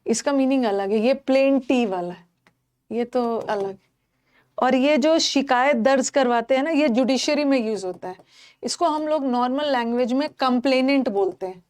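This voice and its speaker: Animated woman teaching English vocabulary. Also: high voice, normal speed. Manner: animated, mixes Hindi and English, repeats words for students. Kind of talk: live online vocabulary class.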